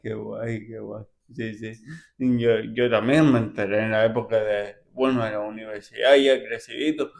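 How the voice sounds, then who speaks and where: Casual podcast host asking questions. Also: male voice, on the low side, moderate pace, gravelly. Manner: brief backchannels, relaxed questions. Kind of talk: casual interview chat.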